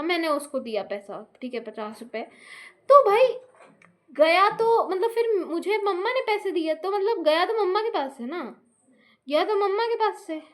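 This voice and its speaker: High-voiced Indian woman venting. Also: animated, normal speed, a bit bright. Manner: frustrated venting, mixing Hindi and English, swears. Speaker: vlogger. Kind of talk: casual self-talk vent.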